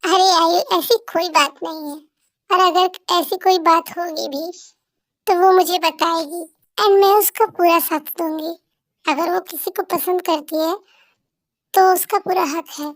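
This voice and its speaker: A woman voicing a calm, reassuring middle-aged mother in an amateur audio drama dub. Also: extremely high pitch, measured pace, no echo.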